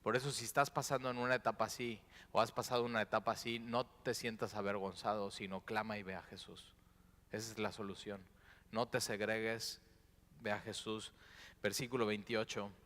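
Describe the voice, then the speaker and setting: A male pastor preaching a sermon, swinging from hushed prayerful lines to loud exclamations. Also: fairly low pitch, fairly even intonation, moderate pace. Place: church sanctuary. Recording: church hall with long reverb.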